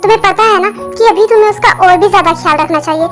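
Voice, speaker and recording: A woman voicing a caring young sister-in-law who reasons gently and persuasively, in a Hindi fan dub. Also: very high voice, quick pace. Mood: reproachful. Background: background music.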